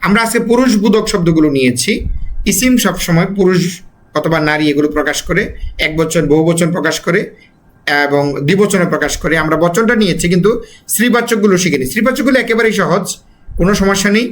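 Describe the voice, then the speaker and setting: A man with a Bangladeshi Bengali accent teaching an Arabic lesson step by step, slowly repeating each example word as he drills it. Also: high voice.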